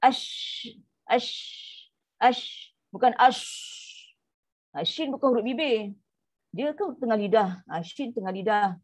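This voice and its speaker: A woman with a Malaysian Malay accent teaching an online tajwid class, stretching out the demonstration syllables between quick explanations. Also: a little high, lively intonation, darkish tone. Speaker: Quran recitation teacher. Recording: muffled lo-fi audio.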